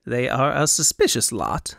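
A man voicing a foppish, talkative male noble with a high, affected fantasy accent, in a storybook audiobook. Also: very animated, a little slow, gravelly, fairly bright tone, no echo, studio quality, full character voice. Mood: chatty. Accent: high Elvunian fantasy accent. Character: foppish high-voiced male Elvunian noble, flamboyant and chatty.

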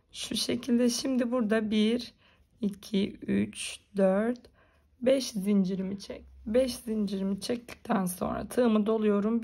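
A woman with a hoarse, gravelly, cracking voice, giving informal step-by-step craft instructions as a tutorial host. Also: on the high side, darkish tone. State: hoarse, strained voice from being unwell.

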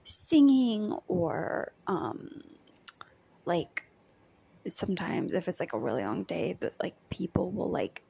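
A young woman with a low-leaning, mellow voice recounts her day as a background extra for her storytime vlog, her pitch swooping wildly as she speaks slowly. Breathy and fry-laden, she giggles, half-whispers often, and uses lots of "like" and "um."

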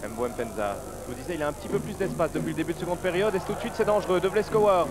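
A man giving excited football commentary as a match commentator, his voice surging with the play. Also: fairly high pitch, rapid-fire, music in the background. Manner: voice surges on chances and goals.

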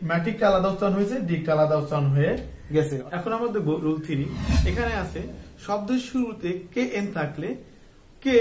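A man's voice: high-pitched, a little mellow, echoey room, distant mic, rough recording. A man giving an English lesson as a tutor, asking his class questions, answering them himself, and spelling words out letter by letter. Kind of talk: spoken lesson.

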